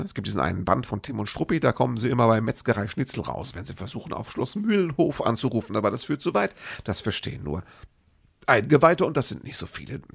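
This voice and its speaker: A man's voice: medium pitch, creaky, breathy edge, no room sound. A middle-aged man telling a long personal story in a casual, rambling way, with many restarts and asides to the listener.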